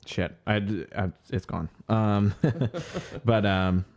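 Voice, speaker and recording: A man's voice: fairly low pitch, steady tone, slow, vocal fry, darkish tone. A man co-hosting a casual podcast, going through music news with lots of ums and unfinished sentences. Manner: hesitant, many ums, trails off searching for words. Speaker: podcast co-host reading the news.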